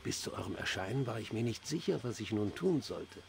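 A man playing an anxious, devout dark-elf priest in a fantasy game, speaking formally and earnestly. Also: lowish voice, lively intonation, brisk, vocal fry, slight background noise. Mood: earnest, grateful. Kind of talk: fantasy game dialogue acting.

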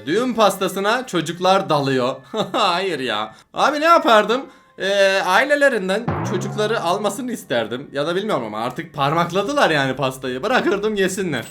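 A man's voice: high-pitched, a bit bright. A young man giving casual reaction commentary to videos, with exasperated, laughing complaints.

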